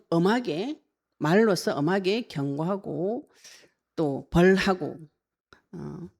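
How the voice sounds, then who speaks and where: A woman's voice: low-pitched, vocal fry, dark tone. A woman pastor preaching a sermon, emphatic and full of rhetorical questions.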